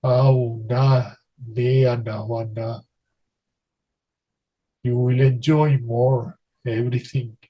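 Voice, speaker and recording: A man leading a spiritual healing session, speaking calm guidance and intoning flowing made-up syllables in a soft, meditative way. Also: medium pitch, poor audio. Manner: soft, unhurried, meditative delivery. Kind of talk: channeled light-language guidance.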